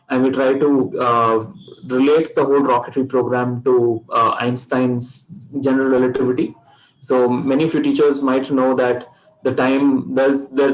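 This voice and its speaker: A man with an Indian accent giving a company presentation, haltingly searching for his words. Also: mid-range voice, low-quality recording. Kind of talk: slide presentation.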